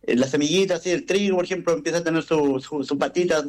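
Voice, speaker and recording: A man's voice: on the high side, fast talker, darkish tone, rough recording. A man from Chile, a radio guest who explains things hesitantly and with many filler sounds. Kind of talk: conversational explanation.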